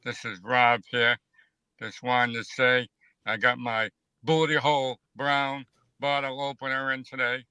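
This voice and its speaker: A man leaves a cheerful voicemail for a podcast. His voice is very bright, smooth and clear. The sound is dry, with no room around it. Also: mid-range voice, level tone, measured pace, no room sound, rough recording. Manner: upbeat, playful. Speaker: listener calling in. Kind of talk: voicemail message.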